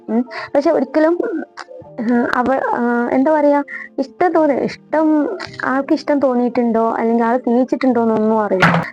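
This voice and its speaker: A woman's voice: a little high, a little mellow. A woman, earnestly telling the story of her own marriage and often repeating herself. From Kerala. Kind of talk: emotional personal storytelling. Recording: dull lo-fi audio with faint music.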